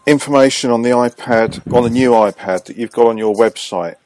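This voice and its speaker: A man's voice: mid-range voice, a little fast, a little mellow, no room sound. A man phoning a company as a customer, questioning insistently and correcting the person he speaks to. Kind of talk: phone call complaint.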